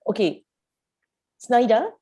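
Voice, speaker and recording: A woman's voice: on the high side, very animated, slow pace, mellow, breathy edge. A woman facilitating a youth program over a video call, speaking emphatically and posing one rhetorical question after another. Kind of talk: animated group coaching.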